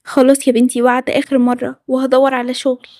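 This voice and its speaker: A woman with an Egyptian accent voicing a middle-aged father caught stealing, who talks slowly and apologetically. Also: high voice, monotone, mellow, no room sound, clean studio sound. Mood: sheepish. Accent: Egyptian Arabic.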